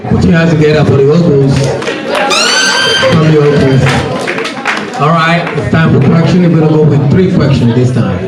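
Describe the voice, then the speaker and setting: A man's voice: on the high side, normal speed, long pauses. A man hosting a youth contest on stage, hyping the crowd and calling contestants up. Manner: hype, rallying the crowd. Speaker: host. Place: large hall. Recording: roomy hall from far off with music and crowd.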